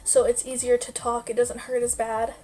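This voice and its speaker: Speaking at a normal speed with a flat delivery, a young woman with a slightly high, dark-toned voice chats casually in a vlog about what's new in her life. A sinus infection has her nose stuffed, so she sounds nasal, and she rambles with lots of fillers.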